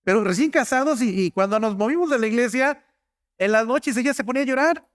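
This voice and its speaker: A man's voice: very high voice, brisk, dry recording, studio quality. A middle-aged male pastor, preaching a sermon in a conversational, storytelling way with many asides to the congregation.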